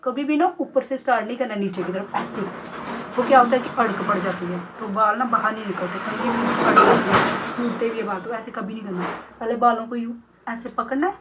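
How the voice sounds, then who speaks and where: A woman who owns a beauty salon, chatting casually in her vlog. Her voice sits a little above the usual for a woman. There is steady, clearly audible noise behind her. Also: fairly high pitch, a little fast. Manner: chatty, talks straight to viewers and a pet parrot.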